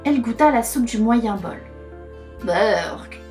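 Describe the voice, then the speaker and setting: A woman reading a children's storybook aloud in a gentle, expressive way. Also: fairly high pitch, normal speed, soft background music.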